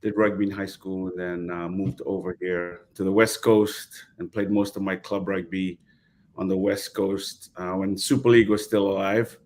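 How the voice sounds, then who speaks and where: A middle-aged man, a rugby coach speaking as a guest in a casual interview, measured and pausing as he talks over a video call. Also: low-pitched, little pitch movement, darkish tone. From Fiji.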